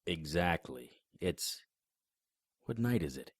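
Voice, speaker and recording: This low, husky male voice belongs to a vampire hunter and narrator, a wisecracking middle-aged monster hunter in an audio drama. He speaks slowly in a sing-song, full character voice, staying wry, dry and sardonic in a matter-of-fact way. The audio carries no echo.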